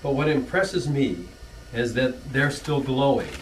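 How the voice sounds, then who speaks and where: Caught on a camcorder from across a church hall, a middle-aged son earnestly reads his own rhyming anniversary poem in an animated, ordinary-pitched voice. He pauses occasionally with a soft laugh, and faint room noise sits behind him.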